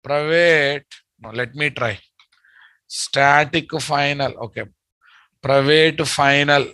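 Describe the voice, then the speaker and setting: A man's voice: fairly high pitch, takes it slowly, bright, forceful tone, clear, resonant tone, no echo. A man with a Telugu Indian accent teaching programming live, speaking emphatically, repeating his statements and quizzing his students.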